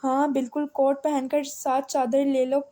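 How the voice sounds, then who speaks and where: A woman voicing a stubborn, sharp-tongued young woman with quick retorts. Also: sits high, little pitch movement, close to an everyday voice.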